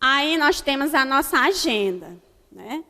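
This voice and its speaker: A Brazilian woman teaching a recorded grammar lesson to children, spelling out example words slowly and checking in with her pupils. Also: high voice, lively intonation, pushed and bright. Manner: slow, deliberate word-by-word dictation with frequent "né?" checks. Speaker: primary school teacher. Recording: long hall reverb.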